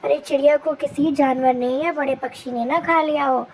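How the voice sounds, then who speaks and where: A woman's voice: high voice, fairly even intonation, normal speed, darkish tone, slight background noise, low-quality recording. A woman voicing a fatherly pigeon uncle in a cartoon, kindly and worried. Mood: concerned.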